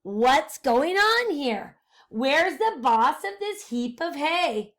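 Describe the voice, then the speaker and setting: A woman's voice: high-pitched, sing-song, slow pace, a bit bright, voice pushed up, full character voice. A woman voicing a cranky, hungry, scheming storybook witch with a screechy, demanding manner. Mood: demanding, angry.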